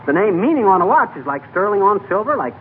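A thin, hissy old radio recording carries an excitable, brash salesman. His slangy comic patter rises and dips with lots of swing. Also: high-pitched, fast talker, narrow, tinny audio. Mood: jaunty patter. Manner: folksy, blustering, slangy patter. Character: brash, excitable fast-talking male watch salesman. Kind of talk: 1940s radio comedy acting.

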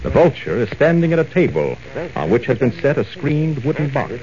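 A man's voice: medium pitch, sing-song, fairly quick. A man narrating a 1940s radio serial in a theatrical, suspenseful style. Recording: muffled old radio broadcast recording.

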